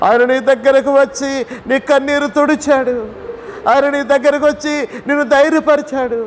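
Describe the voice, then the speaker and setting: High-voiced pastor pleading in a sermon. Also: male voice, steady tone, normal speed, a little hiss or hum. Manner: strings of repeated rhetorical questions, pleading and consoling. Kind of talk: Sunday sermon with sung refrains.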